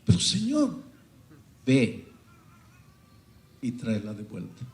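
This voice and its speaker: Preacher doing god giving orders, low and hushed, roomy church sound. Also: male voice, wildly swooping pitch, takes it slowly. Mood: stern. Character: stern, quiet divine male voice of God.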